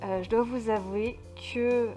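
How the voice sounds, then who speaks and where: With soft music in the background, a woman from France gives an informal book review, expressive and emphatic about how she feels. She stumbles, restarts, and leans on fillers, speaking a little slowly in a fairly high voice.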